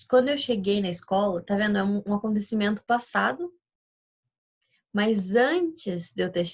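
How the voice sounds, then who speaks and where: Creaky-voiced woman teaching a class. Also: mid-range voice. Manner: explains patiently, checks understanding with tag questions. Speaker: Spanish teacher. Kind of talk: recorded class lesson.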